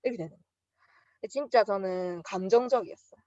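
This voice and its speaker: A woman with a Busan Gyeongsang accent gives a motivational seminar talk at a quick pace in a mid-range voice, recounting her own experiences. She tells stories lively, acting out quotes with bursts of emotion, on a recording with no echo and cut-off highs.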